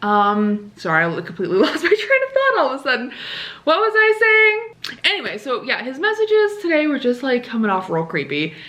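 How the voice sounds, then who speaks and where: A young woman talks straight to her viewers in a chatty, giggly vlog. Her voice sits a little high and sounds bright and sharp. Her pitch swings widely as she tells her stories. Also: brisk. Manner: chatty and giggly, animated storytelling. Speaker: book vlogger. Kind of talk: casual chat to camera.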